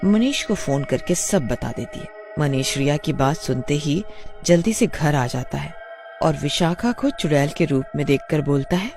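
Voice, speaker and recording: A man giving scripted narration of a cartoon horror story in a steady storytelling manner. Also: a little high, normal speed, faint music behind.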